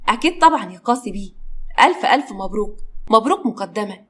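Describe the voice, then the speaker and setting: A woman's voice: mid-range voice, lively intonation, fast talker, fairly bright tone, breathy edge. A woman voicing an eager, polite young man with an Egyptian accent.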